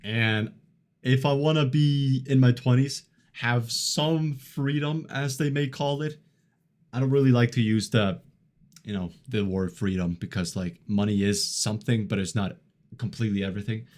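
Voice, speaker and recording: A man in his early twenties talks to his live-stream chat in a loose, rambling way. He often chuckles and leans on fillers like "like" and "you know". His voice sits in an ordinary middle pitch. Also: normal speed, darkish tone. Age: 20s. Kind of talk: casual live-stream chat reading chat messages.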